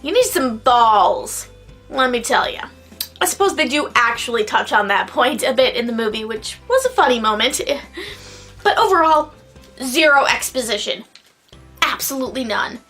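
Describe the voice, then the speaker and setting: A woman's voice: fairly high pitch, big pitch swings, moderate pace, pushed and bright, faint music behind. A tipsy woman vlogger giving a casual, sweary review in a rambling, exclamatory way, stretching out stressed words. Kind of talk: casual, profane video review.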